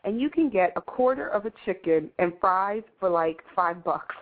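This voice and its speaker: A woman's voice: mid-range voice, animated, normal speed. A woman hosting a morning show in a casual, chatty way, addressing listeners familiarly. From New York City, USA. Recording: tinny, phone-like internet radio line.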